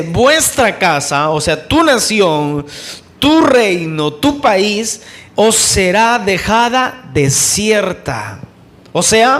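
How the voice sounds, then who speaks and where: A high-pitched man preaches a fervent sermon, addressing his listeners as brothers and asking rhetorical questions. He alternates between racing through some phrases in quick bursts and slowing way down on others for emphasis.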